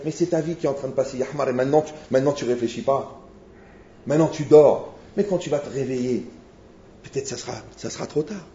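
A man, a rabbi, giving a lively sermon full of anecdotes, acting out dialogues and rising to near shouts. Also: on the high side. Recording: roomy, dull lo-fi sound with faint noise.

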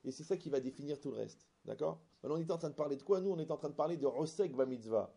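A man giving a religious lecture to an audience, animated and full of jokes, often asking rhetorical questions. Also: on the high side, rapid-fire, creaky, breathy edge. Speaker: religious teacher. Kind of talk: lecture with anecdotes and humor.

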